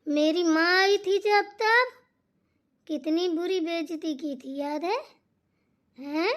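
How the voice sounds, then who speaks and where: A woman's voice: very high voice, takes it slowly. A woman voicing a rowdy daughter-in-law drunk on bhang in a cartoon comedy, hooting and rambling through her grievances. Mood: drunk aggrieved. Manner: slurring outbursts, wild hooting, rambling grievances.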